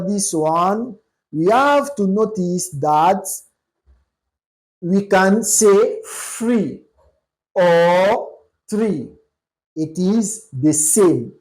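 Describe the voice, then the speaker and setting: Slow, mellow English teacher. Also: medium pitch, poor audio. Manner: slow and deliberate, repeats words for pronunciation. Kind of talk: slow spoken language lesson.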